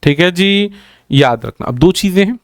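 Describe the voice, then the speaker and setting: Guy teacher going over exam answers, higher voice, super dry close sound, keeps repeating stuff and saying bhai. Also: animated, normal speed, dry recording. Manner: repeats key points, calls students "bhai", mixes in English grammar terms. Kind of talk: exam answer-key explanation.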